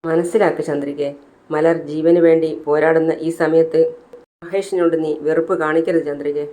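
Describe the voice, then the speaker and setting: A narrator voicing a gentle older woman who calms and coaxes the mother. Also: low-pitched, normal speed, lightly acted. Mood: soothing. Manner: soothing.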